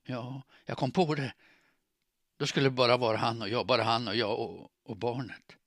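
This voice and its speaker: A man voicing a distraught young woman who is crying and pleading, her voice high and shrill. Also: vocal fry, fairly bright tone, no echo, clean studio sound. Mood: desperate.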